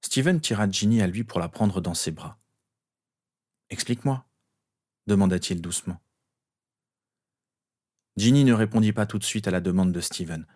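A man narrating an audiobook in a steady, even reading voice. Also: low-pitched.

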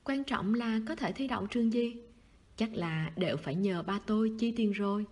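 A woman reading the lines of a wistful, quiet teenage schoolboy in a soft, husky voice. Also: moderate pace, lightly acted. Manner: soft, low-key, sighing.

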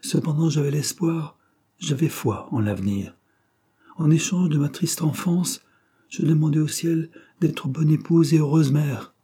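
A man's voice: fairly high pitch, measured pace, dark tone, husky, voice pushed up. A man reading aloud, voicing a proud, heartbroken young orphan woman with bitter, tearful reproach.

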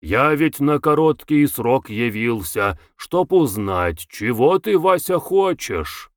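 A village deacon reciting folk verse slowly and deliberately, in a lively, rising and falling voice, as a male narrator puts him on. It is an audiobook figure with a dry, close sound. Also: medium pitch, dry recording. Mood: recitative. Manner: measured recitation.

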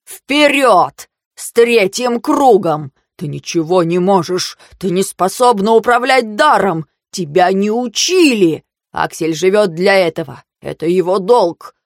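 Woman doing an old male mentor, stern, scolding, shouting, lowered voice, dry. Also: measured pace, no echo. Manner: lecturing, shouting in anger.

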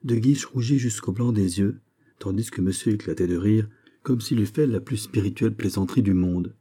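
Brief: male audiobook narrator, measured literary read, very dark and mellow tone, husky edge. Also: fairly low pitch. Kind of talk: scripted narration of a classic novel.

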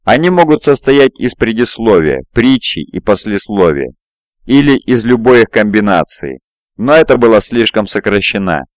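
Man reading as a hoarse old priest. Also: lowish voice, big pitch swings, normal speed, dry recording. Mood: calm, patient. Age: older. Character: old coughing male priest, sly.

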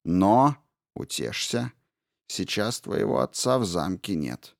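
A man voicing an old witch who was once a fairy queen, bitter and guarded, in a hushed, slow, menacing tone for an audiobook. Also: low-pitched, very animated, gravelly, no echo, studio quality, full character voice. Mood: guarded, weary. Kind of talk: audiobook character reading.

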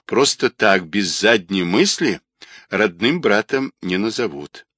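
A man narrating an audiobook in an unhurried, expressive reading. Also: lowish voice, breathy edge, no echo, clean studio sound. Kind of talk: scripted narration.

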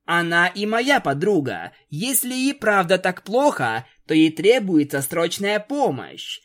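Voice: mid-range voice, very animated, measured pace, fairly bright tone. A reader voicing a stubborn, caring female farm pony in a storybook reading, speaking firmly and persistently. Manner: firm, homely and persistent.

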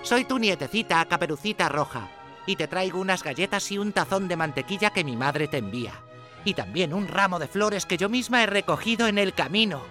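A man voicing a cheerful, naive little girl in a storybook reading, squeaky, eager and sing-song. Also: expressive, brisk, music in the background.

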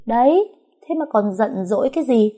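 A woman's voice: a little high, expressive, normal speed, warm tone, pitched above the performer's own voice. A woman voicing a blunt, bossy young female best friend who lectures and scolds. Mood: blunt scolding.

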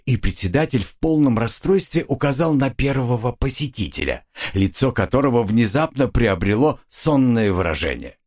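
Expressive male audiobook narrator. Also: mid-range voice, normal speed. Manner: lively, expressive reading. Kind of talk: scripted literary narration.

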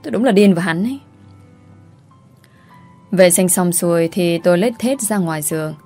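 A woman narrating a first-person story in an expressive, exasperated way. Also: fairly low pitch, moderate pace, faint music behind.

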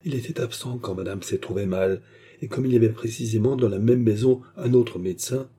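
A timid, sly young maid who talks in a hushed, hesitant voice, read by a man. The tone stays low, dark and husky, as in a storybook reading. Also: fairly quick.

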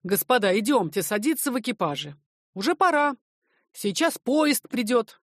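A woman's voice: fairly high pitch, sing-song, moderate pace, fairly bright tone, no echo, clean studio sound. A woman reading the part of an idealistic young student man who urges the others to leave. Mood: urging.

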